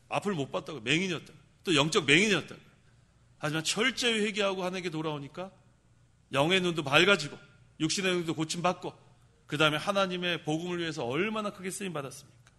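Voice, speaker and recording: A male pastor delivers a sermon in a bright, slightly high voice. He keeps quizzing the congregation and then supplies the answers himself. His loud emphatic bursts fall away to quiet remarks. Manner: animated, asks the congregation questions and answers them himself; shouts for emphasis, then drops low.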